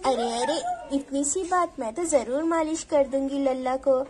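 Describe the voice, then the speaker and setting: A woman's voice: high-pitched, normal speed, a crowd in the background, voice pushed down, close to an everyday voice. A woman voicing a cheerful village mother in a cartoon doll story, coaxing and sing-song as she talks to children and a baby.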